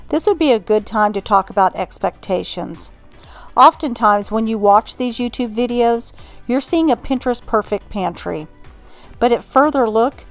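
Calm woman narrating home organizing. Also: a little high. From Texas. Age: middle-aged. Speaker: home organizing channel host. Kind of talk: scripted voice-over narration.

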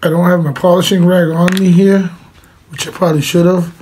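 A middle-aged man with a noticeably high, slightly mellow voice talks briskly through a hands-on demonstration, his pitch barely moving. He is plain-spoken and informal. A camera across the table captures him in a small cloth-backdropped room, making a low-quality home recording with clear background noise.

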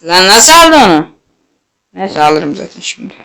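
A young man commentating his own football video game match, excitable and jokey, shouting at his players, with a sore throat. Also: high voice, unhurried, smooth. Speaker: gaming channel host. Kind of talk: live gameplay commentary.

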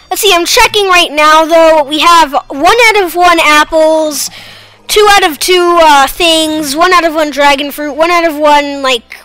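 A woman's voice: high voice, sharp tone, low-quality recording. A woman hosting a casual let's-play, chatting in a rambling, self-deprecating way as she plays. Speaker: gaming channel host.

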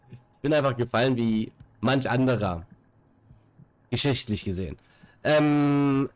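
Speaking through a headset with a cold-clogged nose, this young male streamer rambles casually as he games, full of fillers and repeated words. His voice sits in the mid-range, with no echo.

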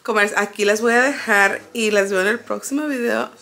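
A woman's voice: mid-range voice, moderate pace, bright, forceful tone. A young woman vlogging casually into a phone camera, mixing Spanish and English and getting emotional. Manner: chatty, emotional, switches languages mid-sentence. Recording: phone vlog with clear background noise.

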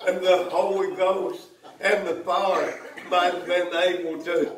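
Folksy church elder, slow and chuckling; higher voice, far from the mic in a roomy church. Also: male voice, little pitch movement. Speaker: closing speaker at a church service. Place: church sanctuary. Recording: echoey church from a distance.

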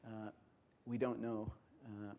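Male conference lecturer, mellow tone, measured step-by-step delivery, auditorium. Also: fairly low pitch, little pitch movement.

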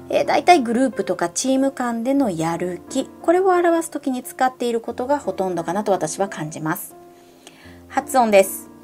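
Middle-aged woman teaching pronunciation. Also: mid-range voice. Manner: slow, careful enunciation in English passages; lively, emphatic when stressing sounds. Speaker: English teacher. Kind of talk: bilingual pronunciation lesson.

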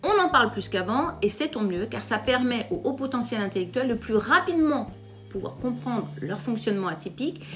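French woman therapist host, fairly high voice, emphatic to camera, faint music under. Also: a little fast. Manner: lively, emphatic, addresses viewers directly. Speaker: psychotherapist and YouTube host. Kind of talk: direct-to-camera explainer talk.

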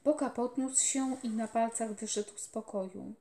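A woman reading a children's novel aloud at a calm, steady storytelling pace, recorded in an echoey room. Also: a little high, moderate pace. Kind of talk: audiobook narration. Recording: roomy echoey home recording.

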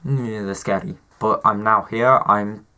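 A man's voice: on the low side, steady tone, a little slow, bright, forceful tone. A young man, sick with a cough and sore throat, chatting casually to camera in a rambling, self-mocking way. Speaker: vlogger. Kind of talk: casual vlog chat.

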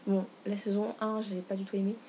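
A young woman chatting casually in a book haul vlog, gushing and excitable, full of fillers and self-corrections. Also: medium pitch, fairly quick. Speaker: book vlogger. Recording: faint background noise.

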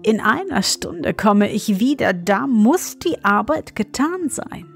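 A woman voicing a grumpy old woman who guards an enchanted castle. She talks unhurriedly and quietly reproachful. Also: on the high side, animated, slow pace, creaky, soft background music, full character voice.

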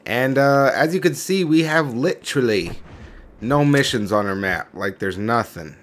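A man's voice: mid-range voice, animated, moderate pace, a bit bright. A young man hosting a let's-play video, chatting casually with rambling, profane commentary. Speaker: gaming channel host.

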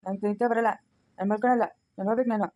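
A woman's voice: medium pitch, steady tone, very fast, mellow, lightly acted. A woman playing a restless, dazed village father. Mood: agitated. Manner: insistent, repeats himself. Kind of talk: family village drama.

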